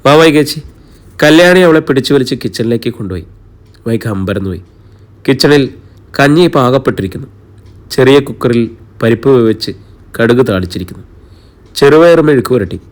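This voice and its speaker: A man narrating a romantic audio story in a calm, even manner. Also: medium pitch, normal speed, pauses often. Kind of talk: scripted narration.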